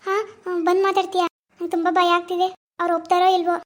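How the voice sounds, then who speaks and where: A woman's voice: very high-pitched, level tone, fast. [name], a woman playing an anxious girl. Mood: worried. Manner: pleading, worried. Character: young village woman, timid and anxious lover.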